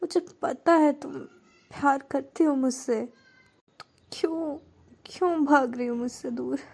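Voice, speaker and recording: A woman's voice: unhurried, creaky. A woman playing fiery heroine Sharvari. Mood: pleading. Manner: shouting, pleading, high and intense. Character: young woman, fiery and protective.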